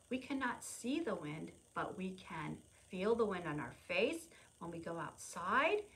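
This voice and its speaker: A woman with a medium-pitched, fairly bright voice presents preschool storytime at a public library, demonstrating a lesson for young children watching at home. She keeps her explanations to simple repeated phrases, encourages the kids to participate, and speaks of herself in the third person. The recording quality is low.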